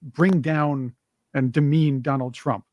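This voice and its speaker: A man hosts a political reaction show, cutting in and restarting his sentences. His voice sits a little high for a man. The sound is dry and close, with almost no room around it. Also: steady tone, darkish tone, no room sound, dull audio. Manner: interrupting, laughing, halting fillers. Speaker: show host. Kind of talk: reaction commentary.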